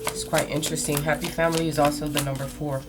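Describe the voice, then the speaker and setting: Female tarot reader, lower register, casual and direct mystical horoscope delivery, prominent music underneath. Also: flat delivery, fast, rough recording. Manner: casual, conversational, addressing listeners directly. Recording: loud background music. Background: music, shuffling cards.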